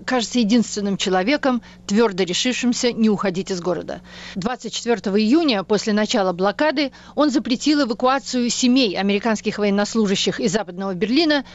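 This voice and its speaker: A woman hosting a radio program, reading a scripted documentary narration in a measured, even way. The sound is a slightly muffled radio broadcast. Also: on the high side.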